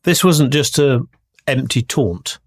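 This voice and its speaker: A man's voice: medium pitch, lively intonation, slow pace. A man co-hosting a conversation, asking short prompting questions. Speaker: co-host.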